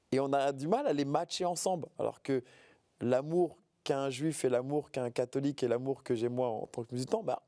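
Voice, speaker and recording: Warm-voiced hesitant man in his forties. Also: medium pitch, dry recording, studio quality. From France, Paris suburbs. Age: 40s. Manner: hesitant, repeats words, heartfelt. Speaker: interview guest, comedian. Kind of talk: earnest interview talk.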